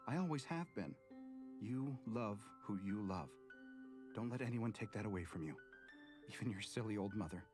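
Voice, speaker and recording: Soft sorry mom, a guy reading her lines, low voice, faint music behind. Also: animated, normal speed, long pauses, close to an everyday voice. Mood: tender. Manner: soft, apologetic. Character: gentle remorseful older mother.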